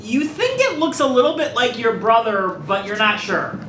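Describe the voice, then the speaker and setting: A calm game master narrates in a middle pitch, pausing with fillers. The room is roomy and loud noise sits behind. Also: distant mic. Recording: roomy live theatre sound with loud noise.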